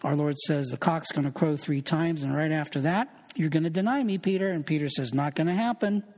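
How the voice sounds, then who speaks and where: A man's voice: a little high, a little fast, darkish tone, big-room sound. A man preaching an earnest sermon as pastor, reading scripture aloud and quoting its figures in his own voice.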